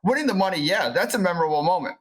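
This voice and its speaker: Man, quick talker, slightly high voice, sleepy, casual co-host. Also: lively intonation, husky, poor audio. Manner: quick, agreeable, short backchannels. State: sleepy, yawning. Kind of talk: casual chat.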